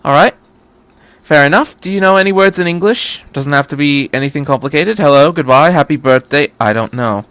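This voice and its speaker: A man's voice: a little high, fairly quick, a bit bright, clear, resonant tone, no echo, close to an everyday voice. A man voicing an eccentric, playful time-traveling doctor who chatters airily and wanders into digressions, in a story reading. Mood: quizzical. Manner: airy, digressive, quizzical chatter.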